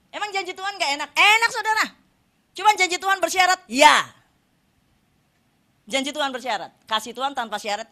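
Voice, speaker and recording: A woman preacher giving a lively sermon, asking the congregation questions and answering them herself. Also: high-pitched.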